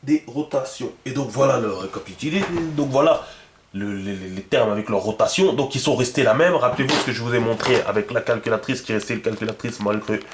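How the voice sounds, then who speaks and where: A man's voice: mid-range voice, fairly quick, background noise. Male teacher, patient explainer, roomy echo on the voice. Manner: patient, checks often with the viewer. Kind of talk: instructional video lesson. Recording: echoey room.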